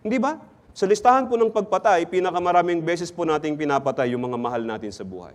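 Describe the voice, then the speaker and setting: A man's voice: a little high, expressive, fast talker. A man preaching in church, quizzing the congregation and teasing them with jokes. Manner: questions the congregation, teasing and jokey. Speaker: pastor. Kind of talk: interactive sermon.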